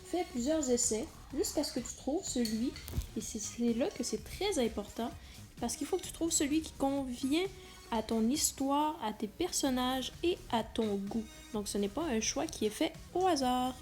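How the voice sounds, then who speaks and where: A teacher in an instructional video gives an explanatory lesson to students in a high, expressive, slightly mellow voice at a moderate pace. She speaks right to the listener and emphasizes key words, with soft music in the background.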